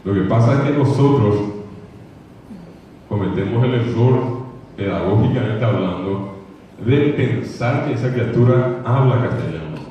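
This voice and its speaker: In a lecture hall, a man with a Paraguayan Spanish accent delivers an earnest, repetitive congress talk, sometimes imitating how children mispronounce words. His medium-pitched voice is animated and unhurried, with frequent pauses. The recording is dull and echoey, captured from far off, with slight background noise.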